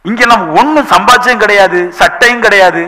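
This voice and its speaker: A male pastor preaching a sermon in a church, telling lively stories and acting out the voices of the people in them. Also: high voice, fast, a loud crowd, poor audio.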